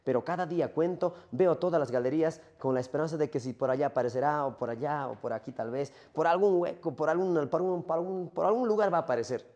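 A man's voice: fairly high pitch, fast talker, few pauses, a little mellow, highs cut off, close to an everyday voice. A man acting out a lonely male Minotaur who longs for death, speaking in a rambling first-person monologue full of rhetorical questions. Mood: morbid.

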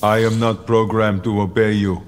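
Game casting: a man voicing a smooth, too-even android killer with a lowish voice, flat and clipped, heard over noisy game audio. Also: moderate pace, natural voice. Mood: cold. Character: emotionless male cyborg killing machine. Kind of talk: video game dialogue.

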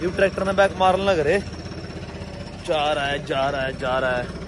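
Young male vlogger, lively selfie-style chat outdoors, a touch high-voiced, faint background noise. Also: moderate pace. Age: young adult. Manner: energetic, chatty, talking to viewers. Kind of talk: casual vlog narration. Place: outdoors at a farmyard and street. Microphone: phone held at arm's length.

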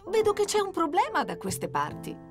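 Gentle, lively cartoon teacher. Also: female voice, very high-pitched, moderate pace, heavily acted. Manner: gentle, calm, encouraging. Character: kind, patient female preschool teacher. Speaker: preschool teacher. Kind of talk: cartoon dubbing. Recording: children's music under voice.

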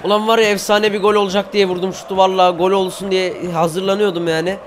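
A teenage boy from Turkey giving excited football game commentary, cheering on his players and shouting at missed chances. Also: high-pitched, fast talker, a faint crowd, slight background noise. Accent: Turkish. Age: teens. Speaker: gaming YouTuber.

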